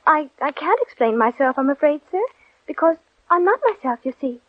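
In a 1940s radio play, a woman plays a polite, curious young girl who wonders aloud to herself. Her voice is high and animated at a moderate pace, with no room sound, captured on a dull old radio recording.

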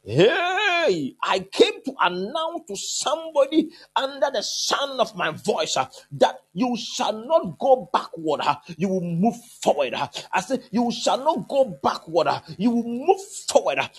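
Man, shouting faith healer, high-pitched, rough husky voice, repetitive prophetic commands, insistent sermon delivery. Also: big pitch swings, measured pace, hardly any pauses. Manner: forceful shouted commands and declarations; repetitive, chant-like insistent phrasing. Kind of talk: charismatic prophetic sermon and prayer.

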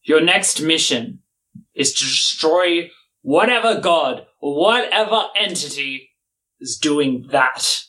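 Guy doing a worked-up supernatural envoy in a tabletop game, urgent, emphatic, drawn-out words. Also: a little high, animated, sharp tone, heavily acted, low-quality recording. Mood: grave, urgent. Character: Baramos, agitated supernatural envoy issuing urgent missions. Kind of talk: tabletop role-play acting.

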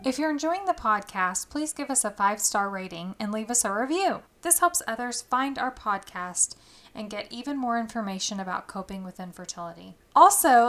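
A woman in her thirties hosting a podcast, chatty and quick to laugh. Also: fairly high pitch, fairly bright tone. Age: 30s. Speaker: podcast host. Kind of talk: casual chat.

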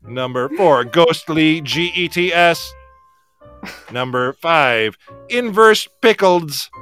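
A man putting on a robot voice to play a female AI program that reads out numbered lists in a slow, measured way. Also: on the high side, animated, over music. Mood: deadpan.

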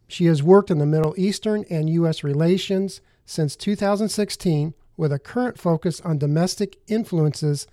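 An earnest male talk-show host with a mellow, somewhat higher voice. He talks his listeners through the subject with many fillers and restarts. The sound is dry and close. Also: dry recording.

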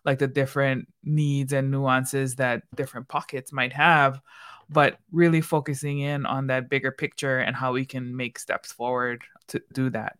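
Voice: medium pitch, level tone, moderate pace, fairly bright tone, smooth. A podcast host talking casually and loosely with a guest, using plenty of fillers and laughing easily.

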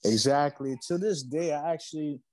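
A man's voice: fairly high pitch, normal speed, a little mellow, no echo, poor audio. A man from Haiti, a musician guest, talking casually in an interview, laid-back and slangy, often repeating himself.

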